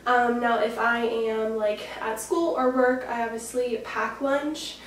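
A woman's voice: on the high side, fairly even intonation, a little slow, slight background noise. A nineteen-year-old woman chatting casually in a vlog from home, full of fillers. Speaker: vlogger. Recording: echoey room, mic far off.

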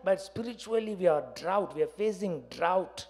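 A South Indian man preaches from a church stage into a handheld microphone. His voice sits high for a man, with a South Indian accent shaped by his native Tamil. He delivers the sermon conversationally, in short, broken phrases. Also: brisk, darkish tone. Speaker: pastor. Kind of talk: conversational sermon with personal anecdotes.

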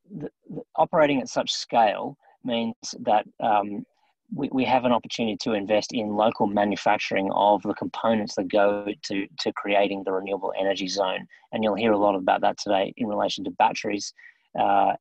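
A man presenting remotely over a video call whose degrading stream drops out, speaking in a halting way with many restarts. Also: on the low side, steady tone, creaky, a little mellow, no echo, dull audio. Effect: degrading stream audio that drops out. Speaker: remote presenter at an investor briefing. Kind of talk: formal briefing talk.

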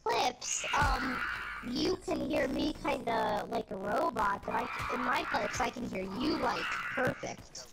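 A male host of a gaming video giving casual, rambling, excitable commentary while playing, his voice coming through with a robotic, glitchy distortion. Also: rumbling low, takes it slowly. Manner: rambling, excitable, filler-heavy. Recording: loud game noise behind voice.

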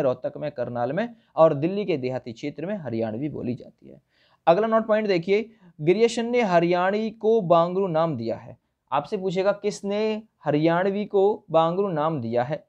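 A man's voice: a little high, darkish tone. A man teaching an exam-prep lesson, posing quiz questions and repeating each point with reminders to remember it. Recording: dull lo-fi sound.

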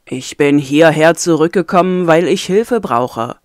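Brooding male captive read by a woman, low and slow, storybook audiobook. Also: no room sound, studio quality. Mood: urgent, brooding. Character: troubled young male prisoner, desperate and brooding.

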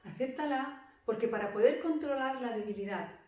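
Meditation teacher, woman, calm and deliberate, voice distant in a very echoey room. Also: on the high side, soft background music. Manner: calm, measured, speaks with slow emphatic pauses. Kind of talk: guided meditation talk. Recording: very echoey room, voice far from mic.

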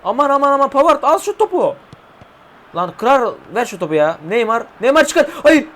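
Young male gamer, high voice, excitable commentary of his own match, shouts at goals. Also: a little fast. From Turkey. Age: 20s. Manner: excitable, yelling player names at goals, swearing at the game. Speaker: gaming YouTuber. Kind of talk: live mobile football game commentary.

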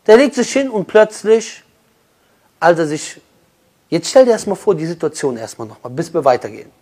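Passionate throughout, a high-pitched male preacher speaks expressively at normal speed, addressing listeners directly as brother and sister. He moves from loud, urging appeals to soft, hushed lines.

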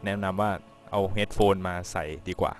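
A man's voice: on the low side, little pitch movement, a little slow. A man casually commentating a live game broadcast, laughing easily and giving viewers tips. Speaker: esports commentator.

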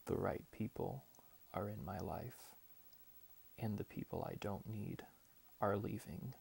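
Young man, whispered ASMR pep talk, hushed and deliberate, long pauses, heavy vocal fry, very slow, close-up bedroom recording. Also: on the low side. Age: 20s. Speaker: ASMR creator reading positive affirmations. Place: small bedroom at home, indoors.

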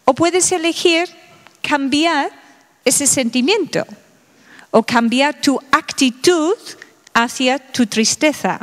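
In a reverberant lecture hall in Madrid, a middle-aged woman gives a public lecture full of rhetorical questions for her audience. Her voice sits high, and she speaks slowly with long pauses.

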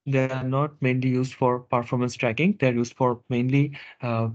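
Man presenting in a halting webinar. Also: mid-range voice, flat delivery. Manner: measured, with frequent hesitations and fillers. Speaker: nutrition officer presenting a webinar. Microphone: video call microphone. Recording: slightly dull video call audio.

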